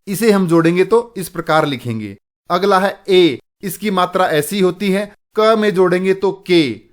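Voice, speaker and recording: A man from India explaining a Sanskrit alphabet lesson to students, pausing to repeat syllables slowly and clearly. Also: high-pitched. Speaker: Sanskrit teacher.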